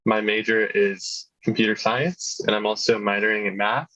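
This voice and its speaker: A young man from California's Central Valley introducing himself as a student panelist, relaxed and easygoing, over a video call. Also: lowish voice, normal speed, no echo, rough recording. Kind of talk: casual self-introduction.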